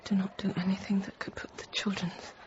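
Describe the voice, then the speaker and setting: Playing a scared young nursery teacher from Paris who recalls a siege, a woman in her 30s delivers a controlled first-person dramatic monologue for radio drama. She whispers in a level, mid-range voice with light acting and a tense mood, her words halting and broken, frequently sinking to a hush, in a dull, noisy recording.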